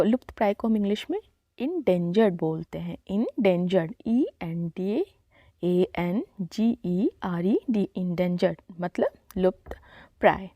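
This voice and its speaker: A woman gives a patient vocabulary lesson, repeating each word and spelling it out letter by letter. Her voice is mellow and soft, recorded close and dry with no room sound. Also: mid-range voice, no room sound. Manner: slow, deliberate, spells words letter by letter. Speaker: vocabulary teacher. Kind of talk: Hindi-to-English vocabulary lesson.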